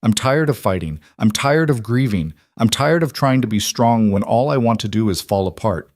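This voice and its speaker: A man voicing a weary, grieving young widow in a storybook reading, in his own low, dry voice. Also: expressive, moderate pace, a little mellow, no echo. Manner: tired, pleading.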